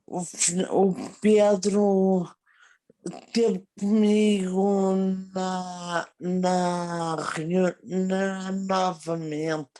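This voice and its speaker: A woman with a Porto accent speaking haltingly on a video call, restarting her words. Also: on the low side, little pitch movement, warm tone. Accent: Porto Portuguese. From Portugal. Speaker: participant.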